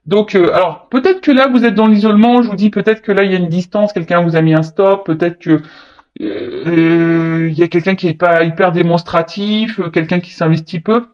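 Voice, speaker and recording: A woman's voice: on the low side, steady tone, moderate pace, highs cut off. A woman giving a casual tarot reading to her viewers, talking hesitantly with many fillers and restarts, chatty and a little teasing. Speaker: tarot card reader.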